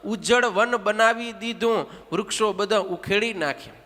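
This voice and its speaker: A man's voice: high voice, normal speed, sharp tone, big-room sound. A man doing cowardly panicked demon guards. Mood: panicked pleading.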